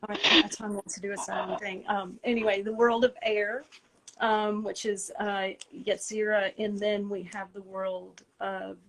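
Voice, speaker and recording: A woman with an Appalachian accent giving an informal video lecture in a halting, conversational, self-deprecating way. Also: medium pitch, flat delivery, a bit bright, slight background noise, poor audio. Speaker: presenter explaining esoteric tarot.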